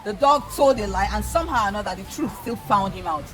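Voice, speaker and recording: Speaking fast and animatedly in a mid-range voice, this Nigerian-accented woman narrates folktales for children. She teaches as she goes, restating ideas and posing questions, with music playing in the background.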